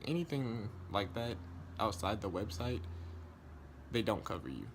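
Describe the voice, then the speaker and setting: A young man telling a casual storytime vlog, slangy and animated, acting out the quoted lines. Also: gravelly, slight background noise. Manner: animated, acts out quoted lines, rises in pitch when indignant; loose slangy speech with many likes and restarts. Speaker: vlogger.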